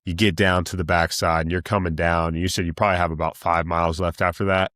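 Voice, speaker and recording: A man with a very deep voice hosts a podcast, relaxed and matey, putting short questions to his guest. The recording is dry and close to the mic. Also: fast, no echo. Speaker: podcast host. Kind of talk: casual interview.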